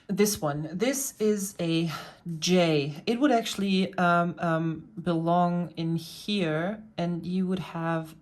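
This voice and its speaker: A woman's voice: on the low side, slow pace. A woman vlogger patiently explaining and pointing things out in a casual show-and-tell about her cross-stitch hobby.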